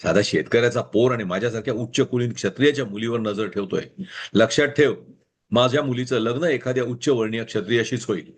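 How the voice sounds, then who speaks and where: A man's voice: medium pitch, fast talker, husky, natural voice. A man voicing an arrogant, proud chieftain who bellows with scorn, in a storybook reading. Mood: scornful.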